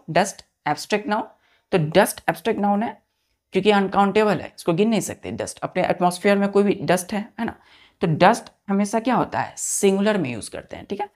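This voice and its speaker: Man teaching grammar, spelling words aloud. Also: high-pitched. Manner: spells words letter by letter and repeats "okay" often; asks and answers own questions, addressing students as children. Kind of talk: classroom grammar lesson.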